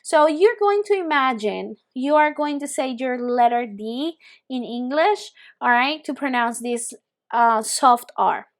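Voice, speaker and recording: A woman's voice: high-pitched, expressive. A woman teaching Spanish pronunciation, patiently modeling sounds for students to repeat. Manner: slow and patient, drawing out sounds for repetition. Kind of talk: pronunciation lesson.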